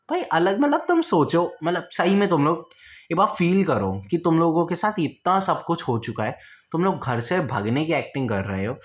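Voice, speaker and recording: A young man tells a storytime vlog story in a blunt, slangy, casual way. He speaks directly to his viewers at a middle pitch. His delivery is loose and conversational. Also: a bit bright. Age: young adult.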